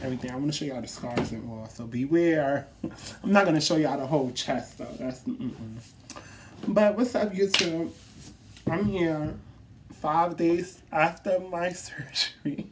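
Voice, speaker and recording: A woman chatting casually to her viewers in a vlog, animated, laughing often and swearing freely. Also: low-pitched, slight background noise. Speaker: vlogger.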